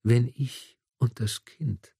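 A man's voice: medium pitch, fairly even intonation, takes it slowly, gravelly, dark tone, breathy edge, no echo, studio quality, heavily acted. A man voicing a weak, feverish noblewoman who pleads in a breathless whisper, in an audiobook. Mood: urgent whisper. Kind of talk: audiobook dialogue.

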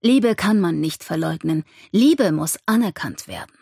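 A woman reading an audiobook, voicing a solemn male mystic who speaks quietly and emphatically. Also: fairly low pitch, animated, a little slow, creaky, husky, no room sound, clean studio sound, full character voice. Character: solemn male seer-like being, quiet and insistent.

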